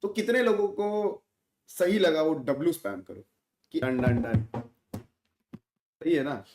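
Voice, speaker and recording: A man's voice: fairly high pitch, a little slow, background noise. A young man with an Indian accent chatting casually with his livestream viewers, talking straight to the chat and dropping English words in. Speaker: gaming livestreamer. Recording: roomy echo.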